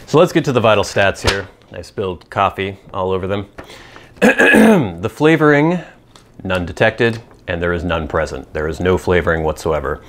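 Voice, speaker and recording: Low-pitched man giving an informal review. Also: lively intonation, normal speed, a bit bright. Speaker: pipe tobacco reviewer. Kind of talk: informal product review talk to camera. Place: small indoor room with cloth backdrop. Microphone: lapel mic.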